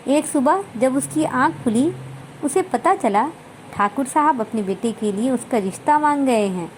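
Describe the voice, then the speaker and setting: A woman storyteller reading her own story aloud in a measured, expressive way. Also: high voice, a little hiss or hum, low-quality recording. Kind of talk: scripted story narration.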